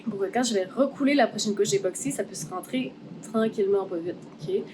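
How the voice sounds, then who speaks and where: A woman's voice: mid-range voice, a little fast, noisy background. A woman with a Québécois French accent in a casual making-of vlog, explaining her steps informally and thinking aloud, with some English words mixed in. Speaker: craft artist, vlog host. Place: art workshop. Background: background music.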